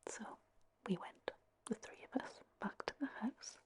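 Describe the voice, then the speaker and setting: A woman with a Welsh accent telling a story in a gentle, breathy, unhurried ASMR whisper. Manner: unhurried, gentle delivery with long pauses. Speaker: host telling a story to listeners.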